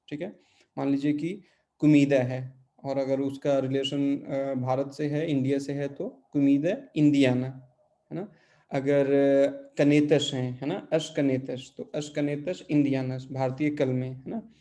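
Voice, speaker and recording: A man's voice: on the high side, dark tone. A man teaching a language class online, explaining grammar patiently and checking often that his students follow.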